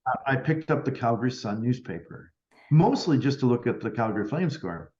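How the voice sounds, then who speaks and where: A medium guesting on a podcast tells about an experience in a casual interview, voicing both speakers in each exchange with plenty of "like" fillers. His medium-pitched, slightly mellow voice has a sing-song lilt and moves a little fast. The recording is roomy and slightly dull.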